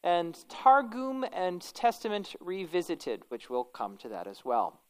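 A woman's voice: lowish voice, huge pitch swings, a little slow, darkish tone. A woman pastor with a kindly, conversational manner, teaching an informal church class and correcting herself as she goes. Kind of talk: informal religious lecture and prayer.

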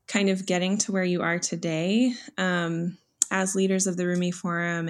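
A woman with a slightly low voice hosts a podcast interview. She introduces guests and asks questions in a friendly way, using fillers as she talks. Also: gravelly. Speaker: podcast host.

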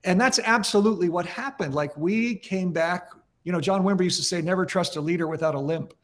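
A man's voice: sits high, fairly quick, fairly bright tone. A middle-aged man, a pastor, telling stories in an earnest, emphatic, conversational way during a podcast interview.

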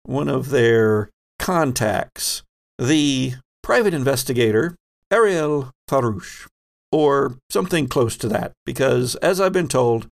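A man runs a tabletop game podcast as host and GM, narrating with deliberate pauses and a dramatic storyteller's phrasing. His mid-range voice has lively intonation and some vocal fry.

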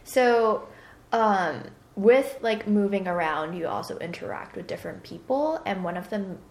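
A woman's voice: medium pitch, expressive, unhurried, a little mellow. A young woman in her twenties, co-hosting a podcast in casual chat and filling her talk with frequent fillers. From Hong Kong. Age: 20s. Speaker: podcast co-host. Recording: roomy echo.

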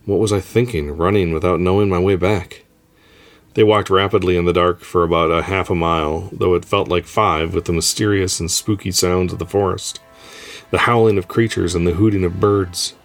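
Deep-voiced man reading a story. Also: steady tone, normal speed. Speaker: story reader. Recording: faint music underneath.

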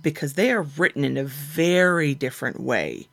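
A woman author talking as a podcast guest in casual interview chat, frank and self-deprecating, often acting out her own inner dialogue in quick quoted asides. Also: deep voice, expressive, vocal fry, husky.

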